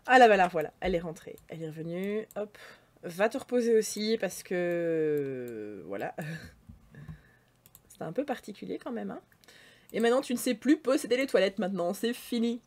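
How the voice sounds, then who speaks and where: A woman giving gushing, excitable commentary to her viewers as she plays a life-sim game. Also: mid-range voice, normal speed. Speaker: gaming YouTuber. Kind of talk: casual Let's Play commentary.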